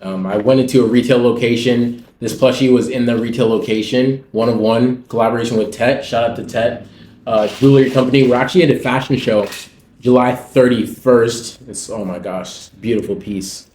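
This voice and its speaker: Guy rambling to his camera about faith and life, roomy echo, middle pitch. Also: steady tone, moderate pace, darkish tone. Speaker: vlogger. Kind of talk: casual storytelling monologue.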